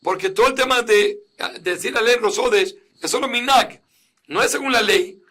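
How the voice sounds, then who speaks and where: This is a rabbi giving a religious law class, a man who reads a Hebrew source and then walks through its meaning step by step. His voice sits high and carries a crisp, bright edge. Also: moderate pace. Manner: reads Hebrew quotes then explains them in Spanish. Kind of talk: explanatory religious lesson.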